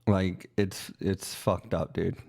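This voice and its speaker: Laid-back man with a lowish voice. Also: level tone, takes it slowly, creaky, a little mellow. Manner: laid-back, rambling, chuckles often. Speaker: podcast co-host. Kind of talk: casual chat.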